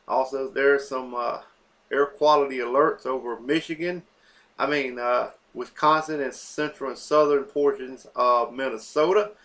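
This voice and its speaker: A man's voice: medium pitch, fairly even intonation, normal speed, fairly bright tone. A man hosting a weather forecast, talking through maps off the cuff with many fillers and self-corrections as he runs down a list of places. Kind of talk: unscripted weather map walkthrough.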